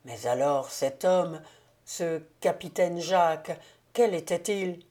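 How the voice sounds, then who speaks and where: Give me a bewildered, stammering count voiced by a woman for a storybook, pitched low. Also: slow, mellow. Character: distraught violent male count, middle-aged. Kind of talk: audiobook reading.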